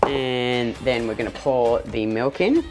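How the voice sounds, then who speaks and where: Woman, nasal cold voice, very low pitch, casual sweary cooking host, home kitchen, soft music behind. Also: animated, slow pace. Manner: chatty, swears freely and casually.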